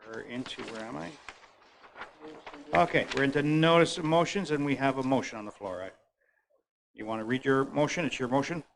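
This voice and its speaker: A man chairing a town council meeting, running through motions briskly with fillers and restarts. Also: medium pitch, vocal fry, slight background noise, poor audio.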